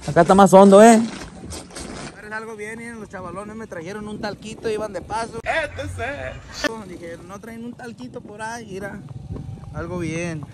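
A man's voice: high-pitched, normal speed, pauses often. A Mexican man vlogging on the road, joking around in crude slang outdoors. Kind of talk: casual vlog on the road. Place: outdoors on a roadside. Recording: outdoor noise with traffic.

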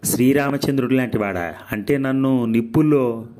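A man's voice: lowish voice, fairly even intonation, moderate pace, lightly acted. A man reading aloud voices a playful, talkative young woman who teases her elders. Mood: teasing. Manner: teasing, giggly.

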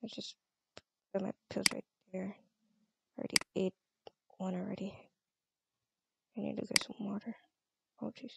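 Giggly young woman with a gravelly edge. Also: mid-range voice, level tone, a little slow, long pauses, heavy background noise. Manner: stammering, giggly, flustered. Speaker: role-play channel host. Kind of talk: Minecraft role-play.

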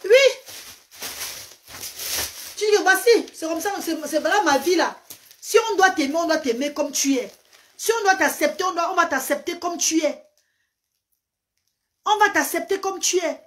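An extremely high-pitched, somewhat bright female voice comes at normal speed with long pauses. The speaker, a Medumba-speaking live-stream host and parent advocate, gives a passionate, preacherly social-media address with emphatic repetitions. She is seated on a sofa in a small indoor room, captured close up by a phone camera.

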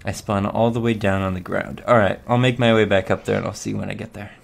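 A man's voice: lowish voice, steady tone, fast talker, gravelly. A man giving casual, sweary gameplay commentary, chuckling and talking to himself as he plays. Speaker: let's play gamer.

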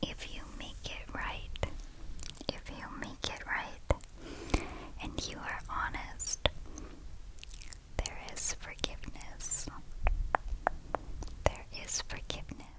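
A woman gives a whispered ASMR pep talk of positive affirmations in a clicky, breathy whisper, repeating soothing, encouraging phrases. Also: low-quality recording. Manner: slow, repetitive, soothing encouragement. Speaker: ASMR host.

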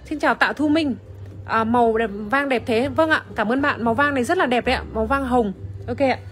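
On a phone livestream shot with an iPhone camera, a woman casually shows off wine, chatting with plenty of fillers and greeting viewers by name. Her voice is fairly high, brisk and fairly bright.

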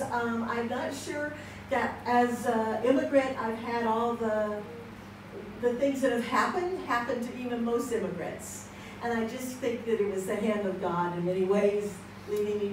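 A slightly high-voiced American woman in her sixties speaks at a conference in a church hall with an audience, telling personal stories. She sits with a handheld mic and is filmed from across the room; she chats, laughs a lot, and acts out quoted exchanges, recorded from far off in an echoey hall with background noise.

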